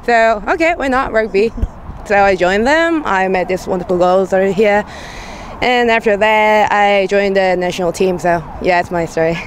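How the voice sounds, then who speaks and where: A woman's voice: medium pitch, normal speed. Woman player, searches for words, some noise behind. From Korea. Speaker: rugby player. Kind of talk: interview answers.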